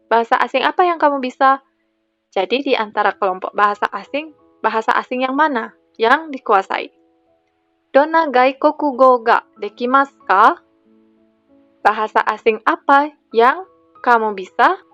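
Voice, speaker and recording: A woman with an Indonesian accent and a fairly high voice teaches Japanese grammar, repeating each example sentence slowly and patiently. Her voice-over is dry and close, a little muffled. Faint music plays under her. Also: a bit bright, no room sound. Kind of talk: slide-based grammar lesson.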